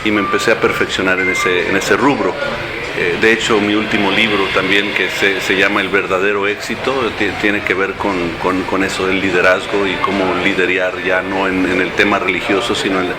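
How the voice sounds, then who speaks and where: A man's voice: sits low, flat delivery, a little fast, over loud music. An older man, a mayoral candidate, answering interview questions in a café, hesitating with many fillers and restarts. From born in San Antonio, Texas, raised in Mexico and Central America. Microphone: handheld recorder held close.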